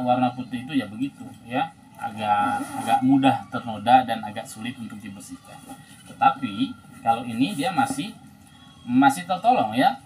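A man in his thirties with a Sundanese accent, giving a casual, chatty market-hawker sales pitch full of repeated tags. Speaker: second-hand bag seller. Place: indoors in a room piled with bags. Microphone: phone propped at about arm's length or further. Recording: noisy room, phone recording.

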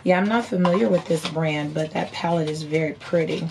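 A woman in her thirties with a hoarse, worn-out voice, chatting casually and folksily as a beauty vlogger showing products. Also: low-pitched, fairly quick, background noise. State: hoarse, voice partly lost from screaming. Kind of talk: casual chat unboxing haul. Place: indoor room at home.

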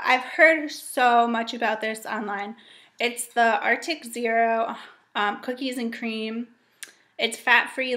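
Young woman, casual vlogger, slightly high voice, upbeat and chatty, webcam at home. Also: fairly bright tone. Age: young adult. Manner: chatty, upbeat, frequent ums and likes. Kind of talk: casual grocery haul vlog. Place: home dining room indoors.

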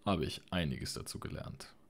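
A man voicing a smug old male necromancer who speaks in a soft, purring way. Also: normal speed, close to an everyday voice. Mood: silky menace.

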